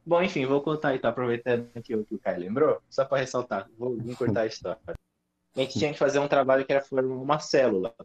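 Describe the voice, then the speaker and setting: A young man, telling school stories on a podcast with animated swearing and sudden pitch leaps. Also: fast talker. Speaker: podcast host. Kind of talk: casual storytelling chat. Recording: dull lo-fi audio.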